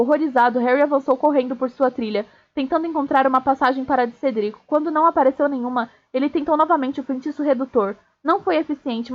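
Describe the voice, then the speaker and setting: A woman streamer reading a novel aloud, steady, with small slips and restarts. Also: high voice. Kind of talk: live read-aloud of a novel. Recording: dull lo-fi stream audio.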